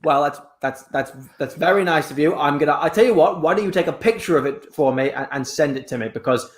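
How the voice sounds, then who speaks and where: A man's voice: on the high side, fast talker, lightly acted. A man playing a self-important, awkwardly polite celebrity actor in improvised comedy, stammering slightly. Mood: uneasy, polite. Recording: roomy livestream audio.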